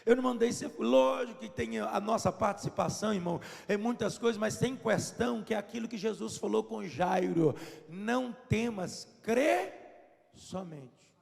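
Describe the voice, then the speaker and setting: A man preaching a sermon as pastor, with a Minas Gerais accent, telling his story in an animated way and acting out the quotes. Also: fairly quick, creaky, few pauses, long reverb tail. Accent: Brazilian Portuguese, Minas Gerais. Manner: animated storytelling, acts out quotes with sudden high-pitched voices. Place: church.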